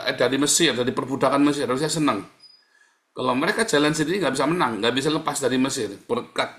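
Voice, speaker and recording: A man's voice: medium pitch, fairly bright tone. A middle-aged man preaching a live-streamed sermon, repetitive and exhorting, who keeps calling his listeners "saudara". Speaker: pastor. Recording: echoey room.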